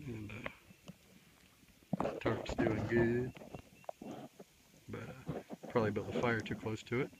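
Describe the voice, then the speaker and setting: A middle-aged man, casually vlogging by a creek in the woods, talking in a folksy, rambling way with lots of fillers. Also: medium pitch. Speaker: outdoor survival vlogger. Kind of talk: casual outdoor vlog. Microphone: handheld camera at arm's length. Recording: outdoor camera mic, noisy.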